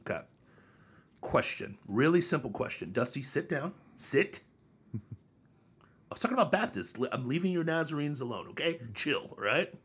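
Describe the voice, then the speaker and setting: A man in his thirties co-hosting a podcast, talking in a casual, mocking, animated way. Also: moderate pace, pauses often, breathy edge. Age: 30s. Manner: animated, mocking, mimics others in high voices. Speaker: podcast co-host. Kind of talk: casual opinion chat.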